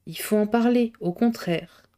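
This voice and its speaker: A woman voicing a gentle, reassuring male journalist with a lowered voice. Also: measured pace, natural voice. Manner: gentle, soothing.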